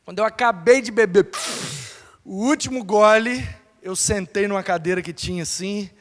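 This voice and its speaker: A man's voice: sits high, normal speed, fairly bright tone, big-room sound. A male pastor with a Brazilian accent, telling a story in a sermon and acting out the dialogue and sound effects. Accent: Brazilian Portuguese. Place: church hall.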